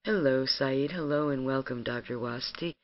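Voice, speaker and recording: A man as radio host, reading a measured, formal show introduction. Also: medium pitch. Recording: slightly muffled radio audio.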